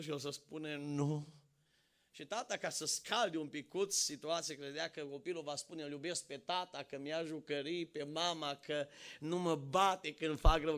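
A man preaching a sermon, swinging from fervent shouting to quiet, conversational storytelling. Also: a little high. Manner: impassioned, rising to shouts.

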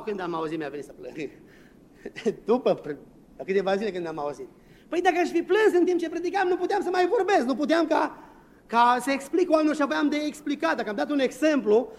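A man preaching a sermon as pastor, animated and acting out quoted voices, shifting between loud bursts and hushed asides. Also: extremely high pitch.

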